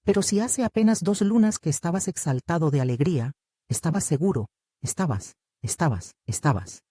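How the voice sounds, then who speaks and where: Stern, ironic male disciple, voiced by an audiobook reader: dark and husky. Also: medium pitch, expressive, moderate pace, dry recording, studio quality. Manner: ironic, uncompromising. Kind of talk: audiobook reading.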